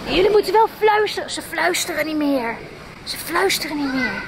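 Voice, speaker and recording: A woman's voice: high-pitched, expressive, moderate pace, very noisy. A woman chatting casually as a family vlogger at an indoor swimming pool. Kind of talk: casual vlog chat. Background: splashing water, loud pool ambience.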